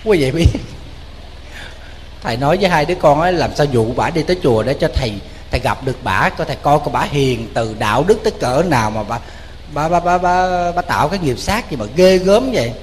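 Southern Vietnamese monk preaching in a reverberant hall. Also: male voice, a little high, brisk, slight background noise. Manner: animated, addresses the audience directly, colloquial. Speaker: Buddhist monk teacher. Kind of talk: storytelling sermon.

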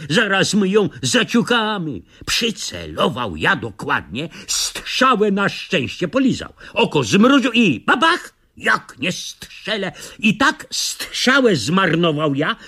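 A man telling a comic first-person radio story in a lively, theatrical way. His fairly high voice swings widely in pitch, and his old-fashioned, broken grammar adds to the fun. Now and then he bursts into shouts.

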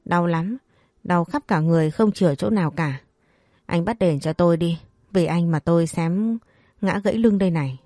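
A woman voicing a bold, hot-tempered young wife who speaks in a sharp, indignant way. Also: on the low side, normal speed, no echo, clean studio sound, lightly acted. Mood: complaining.

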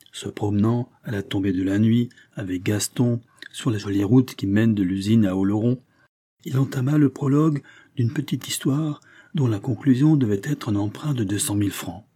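Low husky male audiobook narrator. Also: warm tone. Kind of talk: audiobook reading of a classic novel.

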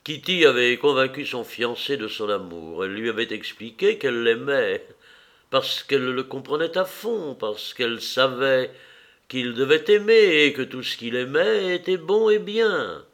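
A man reading a classic novel aloud as an audiobook narrator, measured and expressive. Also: mid-range voice. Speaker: audiobook reader.

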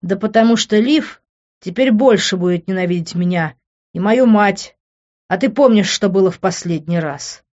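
A reader voicing a hot-headed young man who shouts in rage and turns cold and bitter. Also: medium pitch, normal speed, dull audio, lightly acted. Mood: furious.

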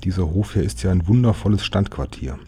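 A man's voice: deep voice, expressive, a little fast, mellow, husky, heavily acted. A man voicing an eager boy who is chasing a thief, sounding breathless.

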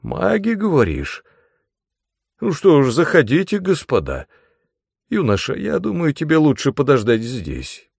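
A man's voice: a little high, huge pitch swings, unhurried, vocal fry, darkish tone, breathy edge, no echo, studio quality, voice pushed up, heavily acted. A man voicing a cagey old male wizard in an audiobook, genial with a steely edge. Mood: wary. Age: older.

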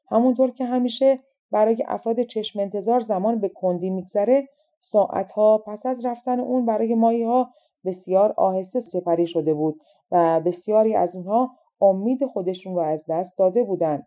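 Woman audiobook narrator, calm fairy-tale reading, warm and mellow tone. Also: mid-range voice.

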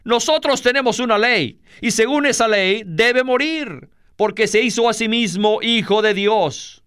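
A man's voice: sits high, a little slow, a bit bright, smooth, voice pushed up. A man voicing an angry, accusing crowd of men in a Bible reading, insistent and raised.

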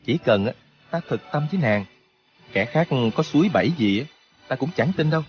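A man voicing a gentle young male hero in an audiobook, speaking in a calm, soothing way. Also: medium pitch, a little fast, dull audio, pitched above the performer's own voice, natural voice. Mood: reassuring. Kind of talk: audiobook character voice.

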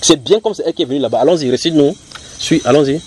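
A man's voice: fairly high pitch, rapid-fire, darkish tone, slight background noise. A man hosting a heated religious debate, insistent, repeating himself and cutting in.

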